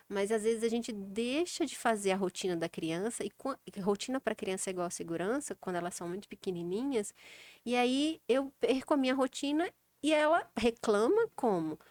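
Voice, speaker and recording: A woman's voice: mid-range voice, fairly quick, a little mellow, dry recording. A woman with a Brazilian accent, a child sleep specialist, explaining in a practical way and acting out everyday scenes with children. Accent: Brazilian Portuguese. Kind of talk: casual interview talk.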